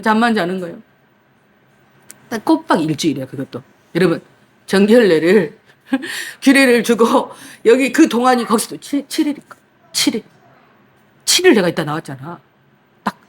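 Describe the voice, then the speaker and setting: A woman pastor preaching, telling a personal story in a lively, dramatic way, acting out her own past cries and protests. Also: mid-range voice. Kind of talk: sermon with personal testimony.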